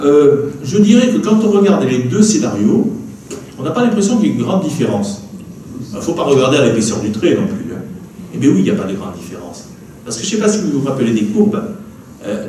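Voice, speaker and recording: A man with a southwestern French accent talks a lecture audience through slides, his pitch rising and falling a lot and his tone warm and mellow. He is recorded from across an echoey room, with faint noise behind him. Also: recorded from a distance. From southwest France. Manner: lively, chatty, peppered with "hein" and "d'accord". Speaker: meteorologist giving a public talk. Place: archive building lecture room.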